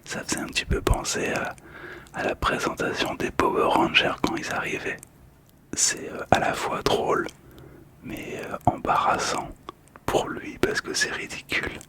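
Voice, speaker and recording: Hosting a relaxation video, a man whispers the whole way through in a breathy, unvoiced voice. He tells his story ASMR-style, soft and calm, a little slow, with small hesitations along the way.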